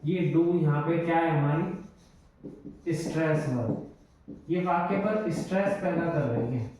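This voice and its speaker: A man teaching English grammar in a slow, explanatory way, repeating his examples. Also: fairly high pitch, a little mellow. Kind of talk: classroom lesson in Hindi. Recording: very echoey room, voice from far off.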